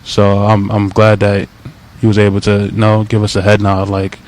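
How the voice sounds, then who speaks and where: A young man in his twenties, a college football player answering media questions in a halting, soft-spoken way with many fillers. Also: on the low side, monotone. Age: 20s. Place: press availability.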